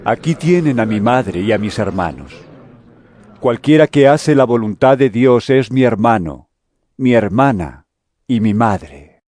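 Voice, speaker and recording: An actor playing Jesus as a calm, authoritative teacher, speaking solemnly and deliberately in a dramatized audio Bible. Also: male voice, medium pitch, dry recording. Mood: gentle, firm. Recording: music under the voice.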